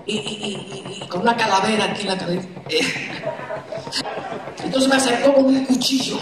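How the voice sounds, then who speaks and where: A woman preaching a sermon, telling a story animatedly with shouts and stammered repeats. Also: on the high side, normal speed. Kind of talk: sermon with testimony. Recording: echoey hall, crowd and noise behind.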